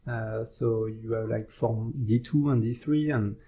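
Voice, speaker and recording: A man speaking earnestly as a podcast guest in casual chat, often pausing to search for words. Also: lowish voice, steady tone, mellow.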